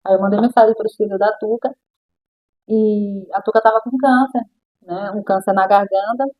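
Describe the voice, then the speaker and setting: A middle-aged woman with a Brazilian accent tells her personal testimony in an interview, with a voice of ordinary pitch. She is an animated storyteller who acts out what others said. She sinks to a hushed murmur when the story turns grave. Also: normal speed, low-quality recording. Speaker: guest sharing her testimony.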